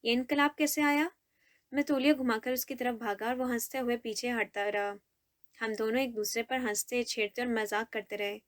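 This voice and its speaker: A woman narrating an audio novel as a scripted first-person story, in an even, steady reading. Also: on the high side, no echo, clean studio sound.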